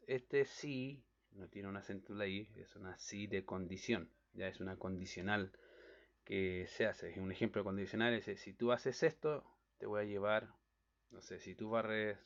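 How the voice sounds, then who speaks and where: A man teaching a recorded lesson on diagramming Bible verses, explaining step by step and checking in with his listeners often. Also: lowish voice. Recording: dull lo-fi recording.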